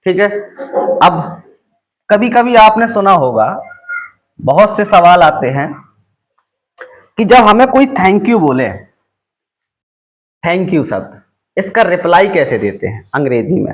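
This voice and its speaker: A man teaching a spoken English lesson, asking the class questions and answering them himself, and reading English example phrases slowly and deliberately. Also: on the high side.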